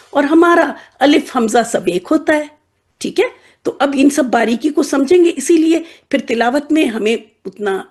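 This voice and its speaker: A woman with a notably high voice teaches a classroom lesson on Arabic letters. She explains patiently, turns the letters into little characters, and keeps checking that her students follow along. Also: darkish tone, breathy edge. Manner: explains patiently with playful examples and frequent check-ins.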